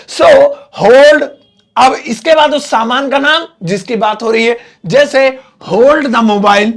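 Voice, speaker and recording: A man with an Indian accent teaching English phrases in Hindi, chatty, often repeating each phrase slowly word by word. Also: high voice, fairly bright tone. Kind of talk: Hindi-medium English lesson.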